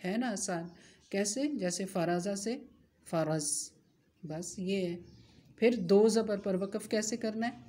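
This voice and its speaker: A woman with an Urdu-speaking accent teaches a religious lesson in a mellow, warm voice. She explains each rule patiently, poses rhetorical questions and answers them. Her pitch sits in a middle range. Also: unhurried. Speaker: Quran recitation teacher. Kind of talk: explanatory lesson with recited Arabic.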